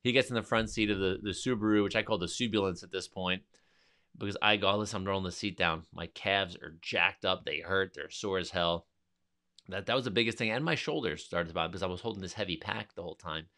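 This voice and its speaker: Low, bright-voiced man telling a story. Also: fast talker. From New York. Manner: rambling, energetic, acts out quotes. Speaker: podcast host. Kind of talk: casual storytelling monologue.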